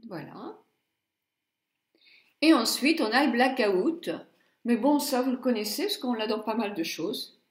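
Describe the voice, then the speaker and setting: A middle-aged woman reviews eyeshadows in a slow, chatty way, murmuring asides to herself. Her voice sits a little high, and the room around her echoes noticeably. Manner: chatty, muttering asides, stumbles over English names. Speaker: beauty blogger. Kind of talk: casual makeup palette review.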